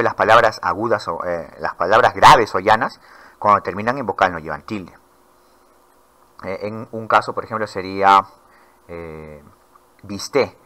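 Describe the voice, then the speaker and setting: A man giving a patient grammar lesson to his students. His voice is low-pitched but bright and forward. He pauses often and fills the gaps with short hesitations. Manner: patient explanatory, with frequent fillers. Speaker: teacher.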